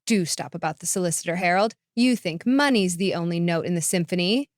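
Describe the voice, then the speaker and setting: A proud, brittle older mother who gives short, firm orders, as a woman reads her. The voice sits low and smooth, with a clear tone and a dry, close sound. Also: brisk, no room sound, natural voice.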